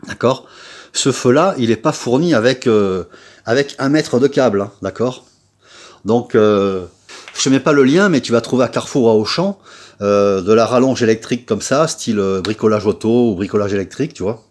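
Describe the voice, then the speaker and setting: In this casual how-to clip, a Frenchman who vlogs about fixing scooters talks at a moderate pace in a mellowish mid-range voice. He speaks right to his audience, blunt and slangy, throwing in plenty of fillers as he chats.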